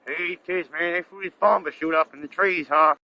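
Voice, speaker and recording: An actor playing a scruffy, eccentric drifter who rambles and drawls in a character comedy outdoors. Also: male voice, fairly high pitch, steady tone, normal speed, dry recording, dull audio, close to an everyday voice. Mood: rambling. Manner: rambling, drawling, calls everyone "boy".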